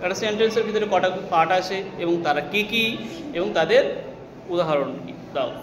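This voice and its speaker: A Bengali-accented man teaching a class, with a high voice that rings around an echoey classroom. The long reverb trails after each phrase and faint noise hums underneath. He explains step by step and quizzes his students as he goes. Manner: explains slowly, asks students questions and answers them himself. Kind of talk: classroom English grammar lesson.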